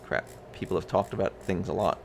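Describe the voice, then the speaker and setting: A man co-hosting a live mahjong stream, casually analyzing plays and gently advising his partner. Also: low-pitched, fairly even intonation, brisk, vocal fry, a little hiss or hum.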